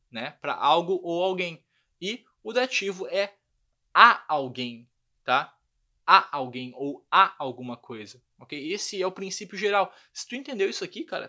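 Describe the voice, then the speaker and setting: A young man giving a lively online language lesson, often checking in with his students. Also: a little high. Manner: lively explanatory, frequent check-ins. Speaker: language teacher.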